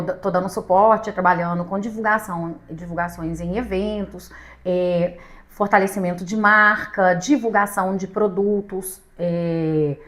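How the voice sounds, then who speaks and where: A woman with a Brazilian Portuguese accent, a podcast guest animatedly telling a story with laughter, acting out the lines of the people in it. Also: medium pitch. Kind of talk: casual storytelling chat. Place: podcast studio.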